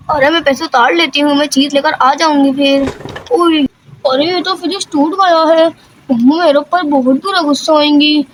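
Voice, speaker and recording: A woman's voice: high-pitched, slight background noise, lightly acted, rough recording. A woman voicing a small clumsy girl who is easily scared and whiny. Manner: whiny, pleading.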